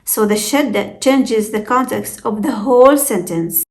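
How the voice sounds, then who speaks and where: Female language teacher, slightly high voice, unhurried, explanatory delivery. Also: expressive. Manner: slow, careful, explanatory. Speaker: Arabic teacher. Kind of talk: scripted lesson narration.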